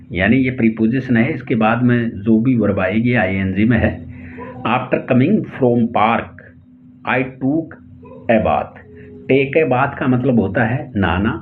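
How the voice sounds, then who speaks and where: A man with an Indian accent teaching English tenses in Hindi, slowly spelling out each example sentence word by word. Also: medium pitch. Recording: tinny phone-like lo-fi audio, faint hiss.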